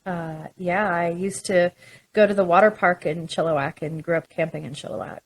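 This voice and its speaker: A woman's voice: fairly low pitch, steady tone, moderate pace, poor audio. A woman telling her story as a podcast guest, chatty, with frequent ums and restarts. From Canada. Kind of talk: casual interview chat.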